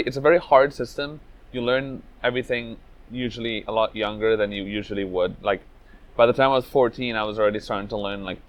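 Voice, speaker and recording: A young man speaks in a fairly low voice. He tells his story in a relaxed, reflective way, padding his sentences with "like" and "you know". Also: muffled recording. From Venezuela, raised in Trinidad. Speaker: speedrunner interviewee. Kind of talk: casual interview storytelling.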